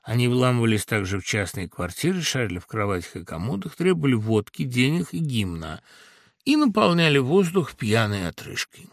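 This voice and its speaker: Man narrating with expressive swings. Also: medium pitch, fairly quick, no echo, studio quality. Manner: dramatic, expressive storytelling. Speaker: audiobook reader. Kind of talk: literary audiobook narration. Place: recording studio. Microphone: studio mic.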